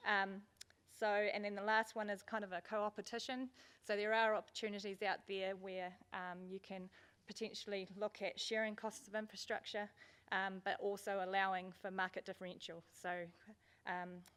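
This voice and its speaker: Woman presenting in an even tone. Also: mid-range voice, normal speed, clean tone. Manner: hesitant, loosely phrased. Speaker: conference speaker, consultant. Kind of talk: informal business presentation. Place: indoor conference venue.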